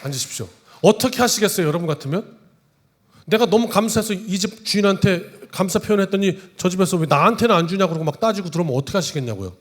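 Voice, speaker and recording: A male pastor preaches in a church in a loose, conversational way. He jokes and pulls the congregation into role-play. His voice sits a little high for a man. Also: lively intonation, fast. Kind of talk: sermon. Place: church sanctuary.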